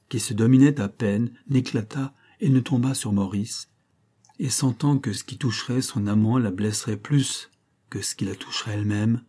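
A man narrating a classic novel as an audiobook in a measured, dramatic reading. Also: medium pitch, warm tone.

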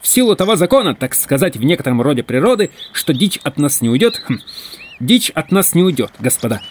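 A man's voice: fairly high pitch, sing-song, fairly quick, a little hiss or hum, pitched above the performer's own voice. A male reader voicing a fussy, pompous male clerk who talks in long, wordy phrases. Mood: coaxing.

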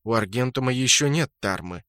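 A man's voice: medium pitch, lively intonation, a little fast, bright, forceful tone, smooth, no echo, clean studio sound. A man voicing an angry, exasperated male game admin who scolds and swears. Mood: irritated, scolding. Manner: scolding and irritated.

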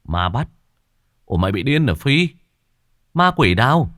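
A man's voice: big pitch swings, measured pace, a bit bright, dry recording, studio quality. A male narrator voicing a worried, scolding older sister in a ghost story. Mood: alarmed scolding. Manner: shrill, scolding.

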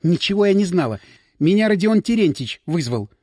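Brief: man playing scared young woman, high, lively, pleading, dry close read. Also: fairly quick, no echo. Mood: defensive. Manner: pleading, defensive. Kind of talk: audiobook character voice.

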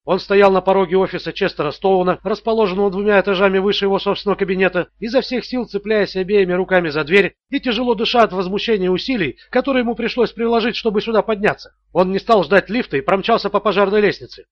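A man narrating an audiobook thriller in a steady, measured reading. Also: high voice, no echo. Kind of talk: scripted narration. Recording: dull, dry audio.

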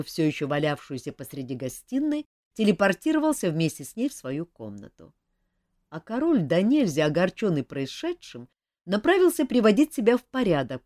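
A woman narrating an audiobook with an expressive, wry storytelling manner. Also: low voice, no echo, clean studio sound.

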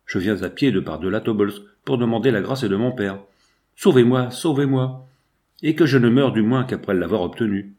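A man's voice: fairly low pitch, a little fast, hardly any pauses, a little mellow, lightly acted. A man reading the part of a desperate young girl who begs strangers for help in a trembling, imploring voice.

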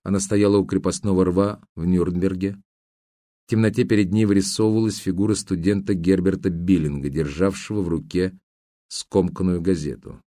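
A man narrating a novel as an audiobook, in an even, measured storytelling manner. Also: deep voice, no room sound, clean studio sound.

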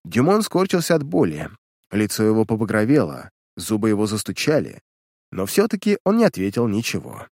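Animated male audiobook narrator. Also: lowish voice, brisk, dry recording, studio quality. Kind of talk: audiobook reading of a pulp detective story.

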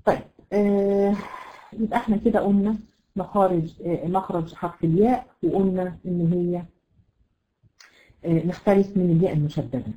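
Egyptian woman teaching recitation, dull audio. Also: medium pitch. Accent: Egyptian Arabic. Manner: patient, drawn-out example words, frequent fillers. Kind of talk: online tajweed lesson.

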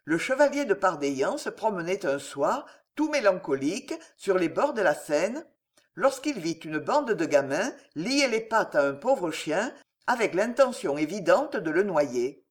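Expressive audiobook narrator. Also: medium pitch, a little slow.

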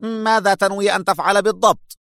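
Man putting on a shrill panicked agent. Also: fairly even intonation, fast talker, vocal fry, a bit bright, no room sound, clean studio sound. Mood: tense, agitated. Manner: shrill, frantic, strained. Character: panicked nervous male agent, cornered.

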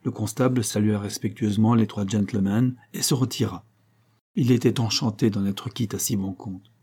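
A man narrating a classic novel as an audiobook, in a measured, dramatic reading. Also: fairly low pitch, fairly even intonation, a little mellow, husky.

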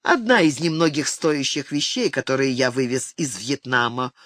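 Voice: mid-range voice, moderate pace, a bit bright, dry recording, clean studio sound, voice pushed down, natural voice. An audiobook reader voicing an easygoing man who jokes and coaxes. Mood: playful. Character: easygoing joking man, friend.

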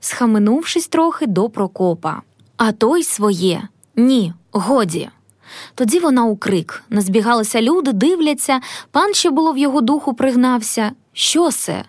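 A woman's voice: a little high, lively intonation, normal speed, no room sound, clean studio sound. A woman narrating a literary story, reading it with emotion. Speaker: audiobook narrator.

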